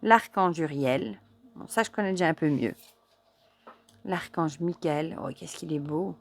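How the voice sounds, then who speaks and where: A woman's voice: low voice, vocal fry. Chatty woman showing oracle cards. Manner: chatty, admiring, halting with fillers. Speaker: oracle card reviewer. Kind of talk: casual show-and-tell review.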